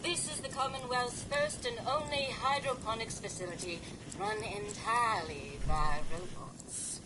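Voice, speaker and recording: A woman's voice: fairly high pitch, measured pace, background noise, close to an everyday voice. A woman voicing a gracious female robot farm supervisor in a video game, polished and calling everyone darling.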